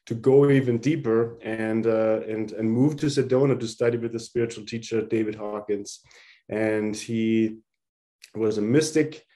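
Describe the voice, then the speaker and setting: Earnest Austrian-raised man, dark mellow voice. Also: fairly low pitch. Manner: earnest, reflective, halting restarts. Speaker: podcast guest, psychologist. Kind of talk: conversational interview.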